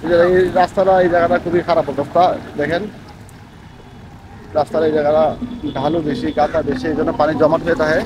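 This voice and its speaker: A man's voice: fairly high pitch, flat delivery, fast, pauses often, crowd noise. A man chatting casually as a travel vlogger outdoors, repeating himself as he points out the sights. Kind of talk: casual vlog narration. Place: outdoors by floodwater and roads. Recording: noisy outdoor phone recording.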